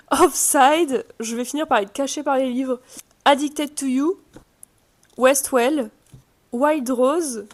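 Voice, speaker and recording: A woman chatting casually to camera as a book vlogger, filling pauses with hesitations and rattling off book titles. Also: high-pitched, a little mellow. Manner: chatty, many fillers, reads titles quickly. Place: room indoors as daylight fades.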